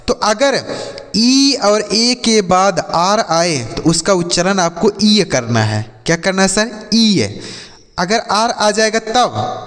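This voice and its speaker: Guy teaching english reading rules in hindi, asks then answers himself, bit high voice. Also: a bit bright, long reverb tail. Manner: repeats questions and answers them himself, drawing out words.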